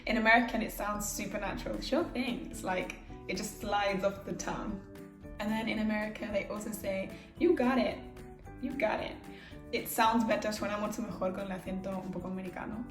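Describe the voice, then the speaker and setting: A woman's voice: mid-range voice, level tone, a little fast, reverberant, music in the background. A woman from England with an English accent, patiently explaining phrases in a bilingual language lesson. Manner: explains patiently, switching between English and Spanish. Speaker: English teacher.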